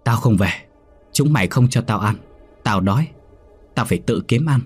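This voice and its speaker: A man's voice: on the low side, unhurried, slightly rough, faint music behind. A man voicing a senile, cranky old grandmother in a spoken horror story, scolding and stubborn. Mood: sullen, stubborn. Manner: scolding and snappish.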